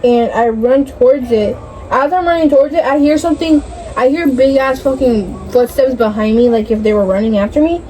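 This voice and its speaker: A young woman with a fairly high, mellow voice recounts a dream in casual storytime chat. She sounds hazy and puzzled, often losing her thread, searching for words and swearing freely. There is some background noise in the room. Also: a little fast, poor audio. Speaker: vlogger telling a story.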